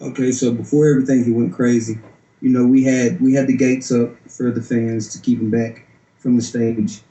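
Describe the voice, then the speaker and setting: A man's voice: mid-range voice, flat delivery, normal speed, mellow, muffled recording. A man giving an informal interview account as a security guard. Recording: roomy echo.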